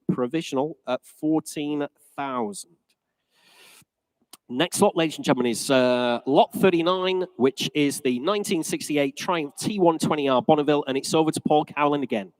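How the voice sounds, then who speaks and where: A man's voice: fairly high pitch, normal speed, dry recording, rough recording. A man working as an auctioneer, calling bids live in a polished, courteous, repetitive patter.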